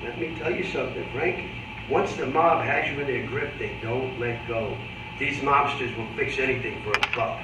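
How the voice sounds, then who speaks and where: A man with a natural, mid-range voice speaks at normal speed, playing a world-weary boxing manager in a live staged reading in a roomy indoor space. Stern and warning, he lectures his fighter bluntly and matter-of-factly, and the distant video camera mic picks up an echoey, noisy room.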